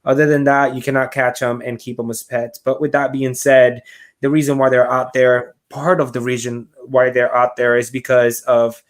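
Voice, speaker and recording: A reptile keeper from Puerto Rico chats casually as a podcast guest, his phrasing loose, informal, and hesitant. His voice is medium-pitched with little pitch movement, and he speaks at a moderate pace.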